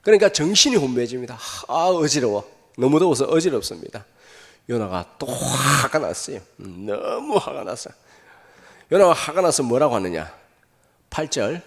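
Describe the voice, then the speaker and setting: A man pastor preaching a sermon, telling the story in an animated way and tossing rhetorical questions to the congregation. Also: mid-range voice, moderate pace, long pauses. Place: church sanctuary. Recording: echoey hall.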